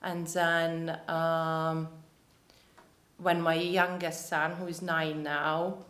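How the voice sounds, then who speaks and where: A woman from Latvia in her thirties, answering interview questions and pausing often to search for words. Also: sits low, flat delivery, fairly bright tone. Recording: echoey room.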